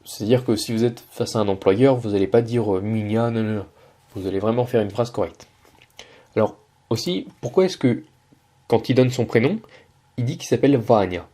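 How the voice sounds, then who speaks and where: Mid-range and dark in tone, the male voice moves fairly quickly. He is explaining a video lesson, breaking down Russian in French line by line, patient throughout and often hesitating and correcting himself.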